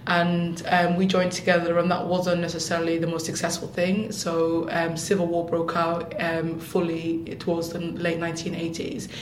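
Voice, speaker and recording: A woman from Somaliland speaks as an interview guest, explaining things in a steady, fairly flat voice with frequent pauses and fillers. Her voice sounds roomy and echoey, with a faint rumble underneath. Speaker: guest, social activist.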